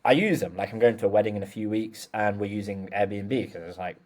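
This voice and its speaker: A man's voice: lowish voice, fairly quick, a little mellow. A man hosting a casual business conversation, chatty and loose, leaning on fillers as he talks. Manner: chatty, many fillers like "like", agrees often.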